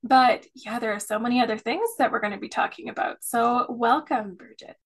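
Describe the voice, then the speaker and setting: A woman's voice: a little high, fairly quick, slightly rough. A woman hosting a podcast interview, talking in an upbeat, earnest way. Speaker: podcast host.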